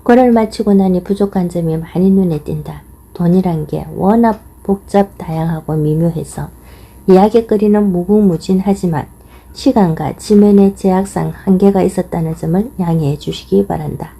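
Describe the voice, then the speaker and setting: A woman reading a nonfiction book aloud in measured, steady scripted narration. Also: lowish voice, creaky, breathy edge, rough recording. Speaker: audiobook reader.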